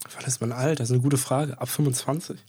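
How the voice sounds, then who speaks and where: A man in his twenties co-hosting a podcast, chatting casually with dry, deadpan humor while getting over a cold. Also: mid-range voice, quick pace, breathy edge. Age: 20s. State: has a cold. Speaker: podcast co-host. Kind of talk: casual chat.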